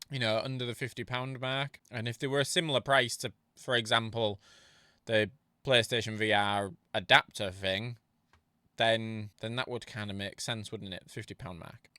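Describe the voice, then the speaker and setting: Chatty man, bright crisp voice. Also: medium pitch, no echo, clean studio sound. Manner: chatty, opinionated, thinks aloud with restarts. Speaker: tech YouTuber. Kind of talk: casual vlog commentary.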